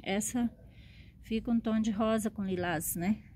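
A woman's voice: mid-range voice, measured pace, darkish tone. A woman, a succulent grower and seller, chatting fondly in a show-and-tell vlog and often checking in with her viewers.

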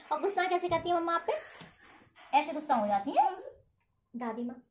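A woman's voice: high-pitched, expressive, normal speed, darkish tone. A woman at home asking a toddler playful questions in a coaxing, sing-song baby-talk manner. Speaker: host of a toddler-activity channel. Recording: echoey room, faint background noise.

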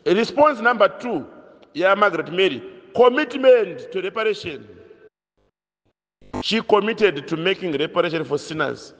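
A man with a high, bright, forceful voice teaches a catechism lesson mixing Shona and English, questioning his listeners and repeating key phrases. The sound is dull, with a long hall echo.

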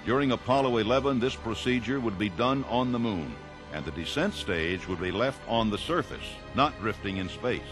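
A man giving scripted documentary narration in an even, informative way. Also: on the low side, normal speed. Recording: narration over clear music.

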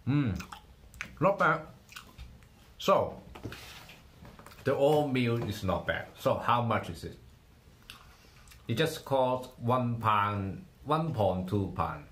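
Slow, halting man. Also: mid-range voice, sing-song, fairly bright tone, slight background noise. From Hong Kong. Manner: halting, repeats words while tasting. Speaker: livestreamer. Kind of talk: casual livestream food tasting.

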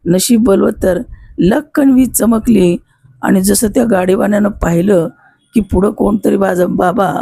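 An older woman recalling a story from her own life, her voice warm and mellow with a gravelly edge. She speaks in an unhurried, conversational way and sometimes stops to correct herself. The sound is close and dry, with no room around it. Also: mid-range voice, no echo. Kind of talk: reminiscing oral storytelling.

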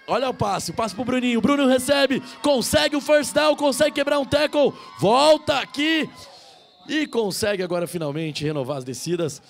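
Brazilian guy doing live football play-by-play, pretty high voice with some gravel. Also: animated, brisk, hardly any pauses, faint music behind. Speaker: American football play-by-play commentator. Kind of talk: live sports commentary.

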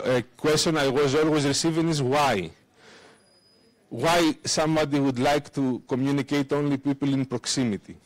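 A man with a fairly high-pitched voice gives a technical conference talk with a live demo in a lecture room, speaking into a handheld microphone. His delivery is halting, full of fillers and restarts, with non-native phrasing.

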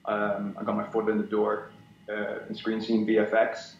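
A man's voice: on the low side, monotone, moderate pace. A young man, a guest in a casual interview, talking hesitantly with many fillers and restarts. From Ireland. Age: young adult. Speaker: guest concept artist. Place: small room at home, indoors. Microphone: video call webcam. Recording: dull roomy webcam audio with faint noise.

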